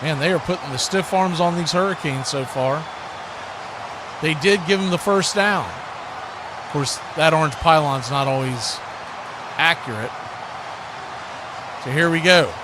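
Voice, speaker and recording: This play-by-play commentator has a fairly high voice and talks a little slowly, pausing often. Calling a live American football game on a noisy stream, he keeps his phrases clipped and raises his voice when big plays happen.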